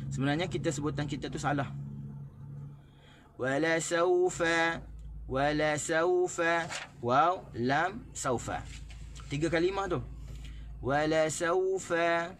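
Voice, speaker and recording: Malaysian Malay man teaching slow recitation. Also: medium pitch, fairly bright tone, a little hiss or hum. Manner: explains in short phrases, then recites examples slowly. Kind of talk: explaining Quran recitation in a class.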